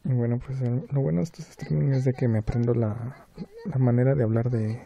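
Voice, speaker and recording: Very deep-voiced Mexican woman, laid-back. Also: steady tone, fairly quick, gravelly, dark tone. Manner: laid-back, slangy, chuckling. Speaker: vlogger. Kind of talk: casual late-night vlog commentary.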